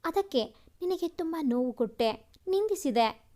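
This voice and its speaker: Female narrator as short-fused young husband, high-pitched, storybook reading. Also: expressive, measured pace, darkish tone. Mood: pleading tender. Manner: pleading, then harsh and scolding. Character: brooding young man confessing love, quick-tempered.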